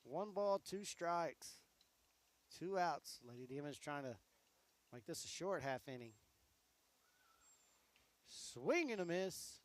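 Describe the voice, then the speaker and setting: Man, softball play-by-play caller, slightly high voice, hoarse, relaxed and chatty. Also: measured pace. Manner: easygoing, chatty between pitches. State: hoarse, losing his voice. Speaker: play-by-play announcer. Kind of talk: high school softball commentary.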